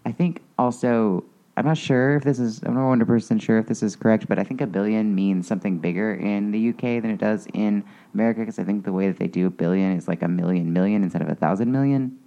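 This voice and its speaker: A man's voice: lowish voice, fast talker, dark tone, highs cut off. A man co-hosting a podcast, telling a story in a rambling, hesitant way full of restarts. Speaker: podcast co-host. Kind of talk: casual chat.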